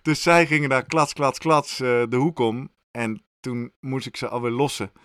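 A man's voice: medium pitch, fairly even intonation, normal speed, a bit bright, clear, resonant tone, no room sound, studio quality. A man on a podcast telling a story in casual chat, animatedly acting out his own thoughts.

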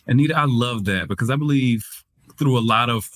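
This podcast host is a man in his twenties with a medium-pitched, slightly bright voice, speaking fairly quickly with no echo. He talks about his own life in an open, reflective, candid way, sharing personal stories in conversation.

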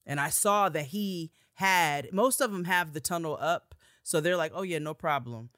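A woman's voice: lowish voice, normal speed, fairly bright tone, no echo, clean studio sound. A young woman, a podcast co-host and student, telling a story in a casual chat with emphatic, profane bursts.

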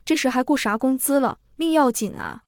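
A fretful middle-aged servant woman, put on by a woman storyteller scolds in a raised voice. Her tone is on the higher side and the recording is dry and close. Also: normal speed, no echo. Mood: agitated. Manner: agitated, scolding.

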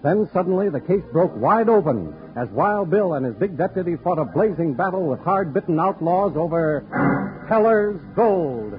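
An actor as a dramatic narrator reading an old radio western introduction. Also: male voice, sits high, expressive, moderate pace. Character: dramatic western serial announcer. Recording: tinny old radio recording over music.

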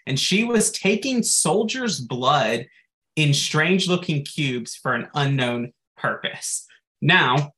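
A man's voice: mid-range voice, fairly bright tone. A man co-hosting a podcast in casual chat, recapping game lore at length and dropping in frequent "like" asides. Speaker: podcast co-host.

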